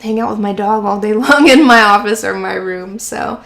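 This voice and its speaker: A woman hosting a casual live-stream Q&A, chatty and encouraging with lots of fillers, her voice going a bit hoarse from talking. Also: medium pitch, normal speed, fairly bright tone. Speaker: host of a freelance writing live stream. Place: home office.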